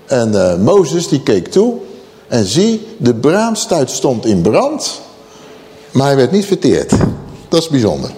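A man's voice: mid-range voice, wildly swooping pitch, takes it slowly, warm tone. A man preaching a Bible-teaching sermon who asks rhetorical questions and draws out key words for emphasis. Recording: long reverb of a large hall.

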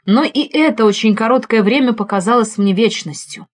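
A woman reading a first-person detective audiobook in an expressive storytelling manner. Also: a little high, fairly quick. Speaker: audiobook reader. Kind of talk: first-person scripted narration.

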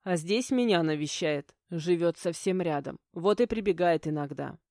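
A woman's voice: lowish voice, moderate pace, a little mellow, dry recording, clean studio sound, natural voice. A woman voicing a reserved young man in a storybook reading, answering tersely and reluctantly.

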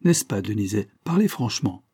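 A man voicing a calm, authoritative male chief inspector who speaks in a measured, firm way. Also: fairly low pitch, breathy edge, dry recording, clean studio sound, full character voice.

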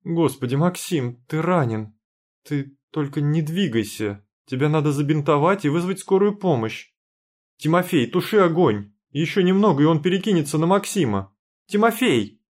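A man's voice: fairly high pitch, very animated, slow pace, voice pushed up. A man voicing a panicked young woman, a witch, who pleads shrilly and is close to tears. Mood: frantic.

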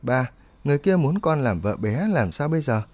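A man's voice: mid-range voice, big pitch swings, moderate pace, a little mellow. A man voicing a clingy, coaxing young woman who talks in a sweet pleading tone.

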